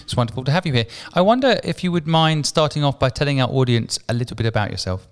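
A man hosts a podcast and interviews his guest. His voice is smooth and clear. He often stumbles and repeats words as he frames a question. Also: mid-range voice, animated, quick pace. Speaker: podcast host. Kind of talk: casual interview talk.

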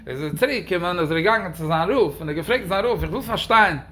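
A man with a high, quick voice gives a religious talk and answers questions. He speaks emphatically and keeps pushing the stress up on key words. Faint noise sits behind him. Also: expressive, fairly bright tone.

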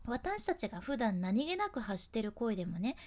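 A woman's voice: fairly high pitch, very animated, moderate pace, darkish tone. A woman who works as an announcer, giving a chatty, step-by-step lesson on speaking and acting out example phrases. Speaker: announcer teaching speaking skills. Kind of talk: casual instructional talk.

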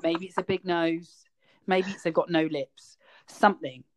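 A man's voice: a little high, a little slow, noisy background. A man co-hosting a podcast in casual chat, telling stories with a wry, chatty manner. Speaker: podcast co-host.

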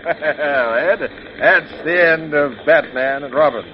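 A man's voice: a little high, slow pace. An actor playing a greedy, scheming male rabble-rouser in a 1940s radio drama, pushy and bossy, on a lo-fi old radio recording. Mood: smug.

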